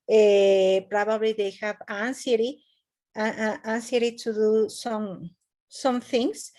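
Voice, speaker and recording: A woman teaching an online class, speaking hesitantly with many fillers and restarts. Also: on the high side.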